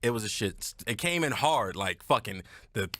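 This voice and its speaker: A man co-hosting a podcast in casual chat, telling animated, profane stories. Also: on the low side, normal speed, no echo, studio quality. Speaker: podcast co-host.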